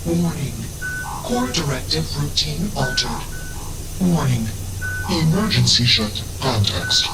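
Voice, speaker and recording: Game casting: an emotionless AI that announces its own statements, gravelly edge, echoey and noisy recording. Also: male voice, fairly high pitch, huge pitch swings, slow pace, over loud music, exaggerated voice. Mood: detached. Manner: emotionless, clipped statements each announced by a label word. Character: emotionless male ship AI, cold and detached. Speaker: hostile ship AI. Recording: echoey with background noise.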